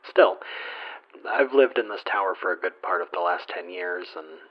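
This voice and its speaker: Guy playing nervous lonely fire watcher phoning into a radio drama, stammers awkwardly, really low voice, dull lo-fi sound. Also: normal speed, natural voice. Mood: hesitant, wistful. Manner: stammering, hesitant, awkward, self-deprecating. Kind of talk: audio drama radio call-in monologue.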